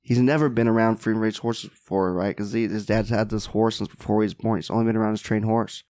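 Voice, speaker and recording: A man who is a podcast guest and mindset mentor, telling a parable in an animated, casual way and often asking "right?". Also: on the low side, fast talker, no room sound, studio quality. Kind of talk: casual storytelling.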